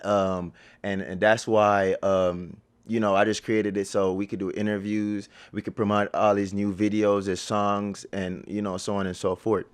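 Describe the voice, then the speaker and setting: The guest, a Jamaican media platform owner, has a fairly low, clear and resonant voice with a level tone and moderate pace. He keeps the interview casual and slangy, relaxed throughout and fond of "you feel me."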